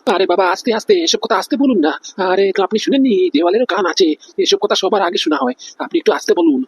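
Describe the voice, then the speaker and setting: A man's voice: high voice, lively intonation, racing, creaky, husky, no room sound, exaggerated voice. A man voicing a panicky, feverish male police officer who takes bribes, whining and flustered in a cartoon comedy. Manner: whiny, flustered, keeps asking "understand?".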